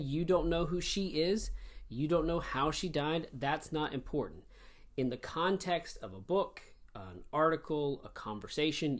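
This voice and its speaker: Man teaching grammar, lively pitch, animated and clear. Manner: animated, explains step by step. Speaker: English teacher. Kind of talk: online grammar lesson.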